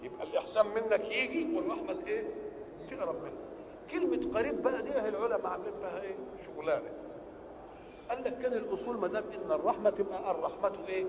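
A man's voice: fast, noisy background. An older man with an Egyptian accent explaining a Quran verse, asking rhetorical questions and answering them himself. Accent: Egyptian Arabic. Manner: uneven loudness, often dropping low. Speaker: religious scholar. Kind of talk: Quranic exegesis lesson. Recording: old lo-fi hall recording with echo.

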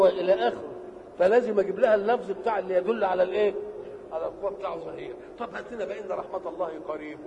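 A man with an Egyptian Arabic accent giving a religious lesson. He asks questions and answers them himself, and he stretches key words slowly for emphasis. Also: high voice, gravelly, muffled recording. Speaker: religious teacher. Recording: reverberant hall with faint background noise.

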